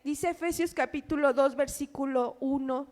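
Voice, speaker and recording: A woman's voice: high-pitched, steady tone, normal speed, a little mellow. A woman preaching an impassioned sermon in a church, often calling the congregation "brother" and asking them rhetorical questions. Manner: impassioned, keeps addressing the congregation as "hermano"; asks the listeners rhetorical questions.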